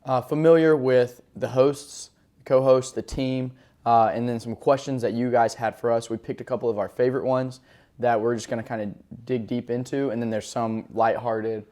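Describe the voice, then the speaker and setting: A man's voice: medium pitch, steady tone, normal speed, mellow. A man in his twenties co-hosting a podcast in a casual, upbeat chat, laughing easily. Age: 20s. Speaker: podcast co-host. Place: indoor room, filmed by a cameraman.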